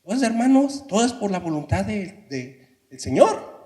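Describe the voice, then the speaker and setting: A man's voice: high-pitched, very animated, unhurried, a little mellow. A male pastor preaching an impassioned sermon in a church, often addressing the congregation. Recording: echoey church hall reverb.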